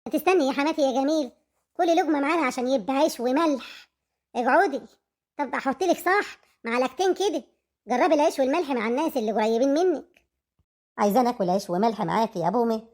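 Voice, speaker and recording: A woman's voice: high voice, quick pace, voice pushed up. A woman as a scolding Egyptian mother-in-law. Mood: sneering. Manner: nagging, insulting, sharp-tongued. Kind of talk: comedic web drama skit.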